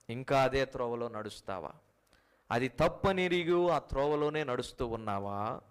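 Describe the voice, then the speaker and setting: A man preaching a sermon, firing rhetorical questions at his congregation and calling out to them directly, swinging from loud high peaks to quiet low endings. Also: clear, resonant tone. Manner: addresses listeners directly as mothers and fathers. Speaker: pastor.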